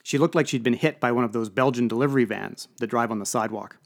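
A man's voice: medium pitch, fast talker. A man narrating an audiobook in a dry, wry storytelling manner.

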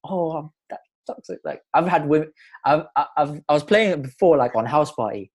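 A man's voice: on the high side, lively intonation, a little fast, husky. A man with a London roadman accent hosting a casual podcast chat, talking in informal slang and often repeating himself. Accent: London roadman, urban slang. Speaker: podcast host.

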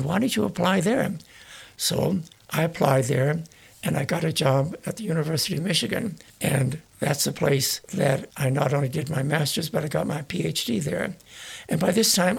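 An older man being interviewed, reminiscing about his career in a relaxed storytelling way with many restarts. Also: on the high side, gravelly, husky. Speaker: interviewee, retired broadcast engineer. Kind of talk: casual reminiscing.

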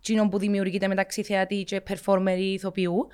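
A woman's voice: mid-range voice, clear, resonant tone. A young woman with a Cypriot Greek accent, co-hosting a casual podcast chat and dropping English words into her talk. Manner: animated, switches into English words. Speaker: podcast co-host.

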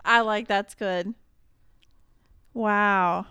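A woman's voice: medium pitch, fairly even intonation, very slow, pushed and bright, smooth, no echo. A woman co-hosting a podcast, reacting playfully and giggling in casual chat. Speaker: podcast co-host.

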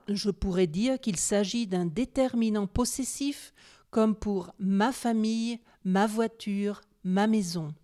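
Slow, mellow-voiced woman teaching. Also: mid-range voice. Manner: slow, clear teacherly explanation with questions to listeners. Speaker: podcast host. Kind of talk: scripted educational narration.

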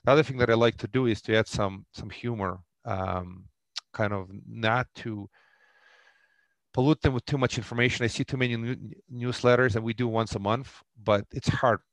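A man from the former Soviet Union with a Russian accent, a podcast guest talking about investing in a halting way, full of restarts. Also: medium pitch, no room sound. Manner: halting, many restarts and fillers. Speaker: real estate investor guest. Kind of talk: podcast interview.

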